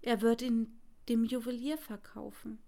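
Brief: selfless, grieving prince statue in a fairy tale, quiet and breathy, read by a woman. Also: on the high side, level tone, measured pace. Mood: sorrowful. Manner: hushed, half-whispered.

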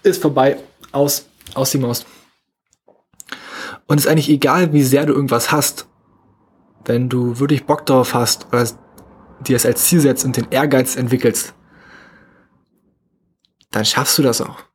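A young man talks straight at his listeners in a motivational solo podcast, words tumbling out quickly and a little slurred. His voice carries a husky, slightly breathy edge at an average pitch. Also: steady tone. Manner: fast, slightly mumbled casual speech. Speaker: podcast host.

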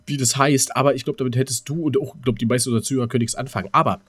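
Here a 27-year-old podcast co-host races through casual anecdotes, rambling and repeating words as he gropes for them. His voice sits at medium pitch with a steady tone, fairly bright and slightly rough, and there's no echo.

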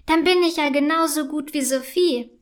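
A woman voicing a young schoolgirl in a children's storybook, in a gently read character voice. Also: high-pitched, steady tone, measured pace. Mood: surprised. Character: unhappy young schoolgirl, sulky then cheerful.

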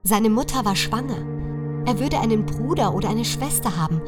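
Woman narrating a dark story over music. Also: a little high. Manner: measured, expressive storytelling. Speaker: audiobook reader. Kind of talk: scripted narration. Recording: music underneath.

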